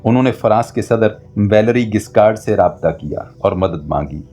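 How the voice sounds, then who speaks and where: A man reading a scripted historical documentary narration in a steady, even manner. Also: lowish voice. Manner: steady, even-paced storytelling.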